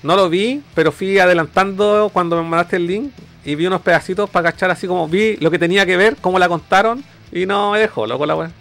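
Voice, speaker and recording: A man's voice: high voice, quick pace, creaky, a bit bright, faint music behind. Slangy Chilean man chatting casually. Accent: Chilean Spanish. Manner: slangy, groping for words, frequent restarts. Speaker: streamer co-host. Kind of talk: casual chat.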